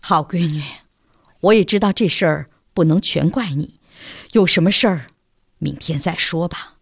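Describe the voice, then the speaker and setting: A woman's voice: on the low side, moderate pace, creaky, slightly rough, no room sound, studio quality. A woman voicing an old village mother who scolds her son and coaxes a frightened girl in a storybook reading. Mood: soothing. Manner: scolding yet coaxing. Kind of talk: storybook narration.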